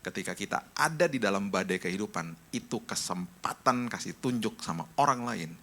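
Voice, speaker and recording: A man's voice: lowish voice, expressive, brisk, sharp tone. A middle-aged male pastor preaching a sermon, telling stories and acting out the voices of friends and family.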